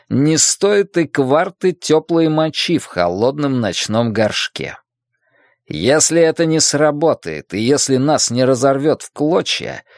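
A man's voice: mid-range voice, vocal fry, dry recording, studio quality. Man doing a menacing scheming town boss. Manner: domineering and mocking.

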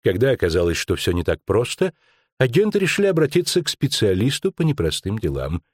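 A shrewd, ironic lawyer-investigator, voiced by a man in an audiobook. He lectures with mocking, drawn-out emphasis, his pitch rising and falling freely. The voice sits fairly low and sounds close and dry. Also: huge pitch swings, no room sound. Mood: explaining. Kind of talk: audiobook acting.

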